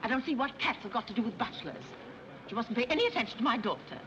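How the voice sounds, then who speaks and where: A woman's voice: fairly high pitch, animated, quick pace, dull audio, crowd noise, natural voice. An actress playing a scatterbrained, fussy, middle-aged society mother in a 1930s screwball film. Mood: fussy, disapproving. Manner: fluttery, fussy, dithering. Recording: noisy 1930s film soundtrack.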